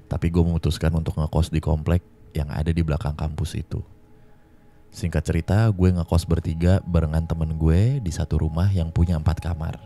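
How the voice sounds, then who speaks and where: A man hosting a podcast, reading out a listener's ghost story in a slangy, conversational way and slowing down for suspense. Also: rumbling low, level tone, mellow. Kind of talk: casual horror storytelling. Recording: clear music bed behind. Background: music.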